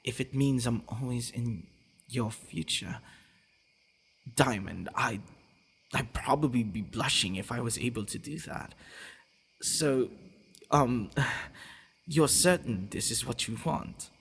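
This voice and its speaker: This man plays a devoted, possessive vampire boyfriend who teases in a close ASMR roleplay, his delivery breathy, hushed, and broken by hesitant pauses. He speaks at a medium pitch in a heavily acted style, tender yet hesitant.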